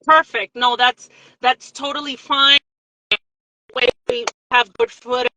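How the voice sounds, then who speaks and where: A woman's voice: high-pitched, steady tone, unhurried, bright, forceful tone, lo-fi sound, slight background noise. A woman co-hosting a live business show over a video call whose audio is breaking up, distorted and robotic, as she checks the connection. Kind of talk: casual live-stream chat.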